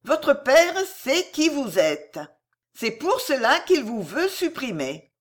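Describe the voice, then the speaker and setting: A woman voicing a cold, scheming noblewoman who speaks slowly and solemnly, with a calm, implacable, insinuating tone. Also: high voice, pitched above the performer's own voice, full character voice. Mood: coldly persuasive. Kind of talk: audiobook reading.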